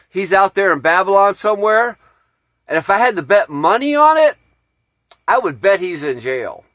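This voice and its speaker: A man's voice: sits high, a bit bright, dry recording. A man telling a story in a casual, rambling way, with plenty of swearing. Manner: profane, laid-back, rambling. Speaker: off-grid vlogger.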